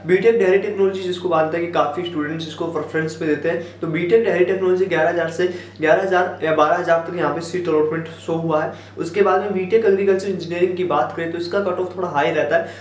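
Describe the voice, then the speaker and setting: Young guy counselor talking to cam, slightly high voice, roomy echo, faint hum behind. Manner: steady, repetitive with fillers and "ठीक है". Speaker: education counselor and YouTuber. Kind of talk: explanatory talk to camera. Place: small indoor room in front of a wooden door. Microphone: camera at close range, head and shoulders framed. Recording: echoey room with faint hum.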